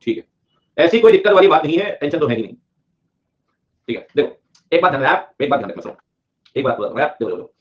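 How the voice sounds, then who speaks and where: A male teacher giving a classroom lecture, joking and urging students to answer quickly, mixing English terms into his talk. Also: on the high side, sing-song. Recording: muffled lo-fi sound.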